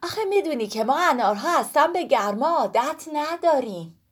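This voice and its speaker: A woman's voice: high-pitched, lively intonation, voice pushed up. A woman voicing a chatty, boastful talking pomegranate girl in a children's story, talking nonstop with lots of exclaiming. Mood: boastful chatter. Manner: talkative, exclaiming, whiny.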